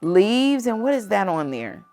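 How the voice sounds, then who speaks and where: In an unhurried, sing-song manner, a woman with a mid-range, darkish voice reads a children's book aloud and offers simple asides to a young child. Music plays in the background.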